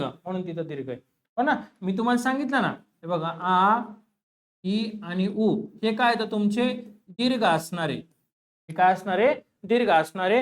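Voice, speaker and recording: A man teaching an exam-preparation lesson, who asks his students questions and then answers them himself, repeating the key words. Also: high voice.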